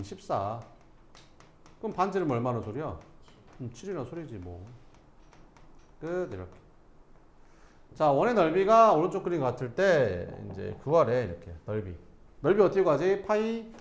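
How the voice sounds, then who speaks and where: A man's voice: a little high, roomy sound. A male math teacher giving a classroom lesson, casually questioning students and answering himself.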